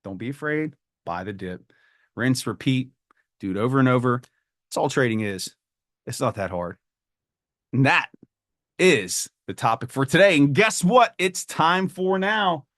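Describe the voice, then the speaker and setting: A man hosting a trading podcast, talking casually and with energy, often jumping into a higher voice to act out panicked or eager traders. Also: measured pace, long pauses, no echo, clean studio sound. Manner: animated, acts out panicky traders in a raised voice. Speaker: podcast host.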